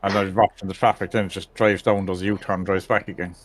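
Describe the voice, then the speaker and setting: A man's voice: sits low, flat delivery, fast talker. A man playing alongside the host, chatting casually and explaining things at length. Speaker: co-player. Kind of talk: casual gameplay chat.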